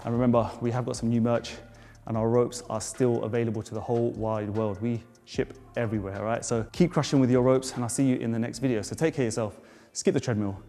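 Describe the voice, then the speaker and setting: In this jump rope tutorial, a man walks through a move step by step, a bit winded, with encouraging cues. He talks fast with a flat delivery, hardly pausing, in a warm mid-range voice; hall reverb and faint music are in the recording.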